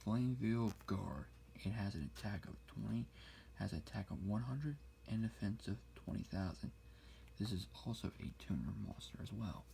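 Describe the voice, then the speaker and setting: A man speaking very quietly, sometimes whispering, close to the ear in an ASMR style, reading things out slowly. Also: fairly low pitch, animated, creaky, noisy background. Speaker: ASMR card collector showing a deck. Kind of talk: quiet ASMR talk, soft-spoken to whispered. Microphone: close-up ASMR mic.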